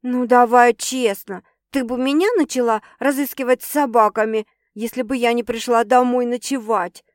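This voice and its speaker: A woman's voice: fairly high pitch, big pitch swings, moderate pace, dry recording, studio quality. A woman voicing a teasing, outspoken young woman in an audiobook, sarcastic and bossy. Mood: ironic. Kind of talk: audiobook character voice.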